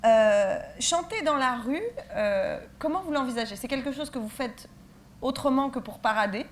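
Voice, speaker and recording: A woman interviews guests for a festival web TV set, friendly and a little hesitant. Her voice is slightly high. Faint noise sits behind her. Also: moderate pace. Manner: friendly, hesitant with many fillers.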